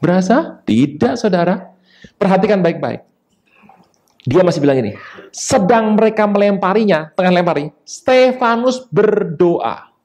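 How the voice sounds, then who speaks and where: A man preaching a sermon, talking in a lively way with sudden high emphatic rises and quick asides. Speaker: pastor.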